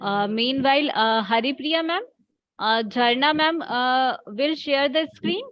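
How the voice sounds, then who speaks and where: A woman's voice: high voice, a little slow, no room sound. A woman hosting an online panel, polite and encouraging with many fillers, over a video call. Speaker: event host. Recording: dull lo-fi call audio.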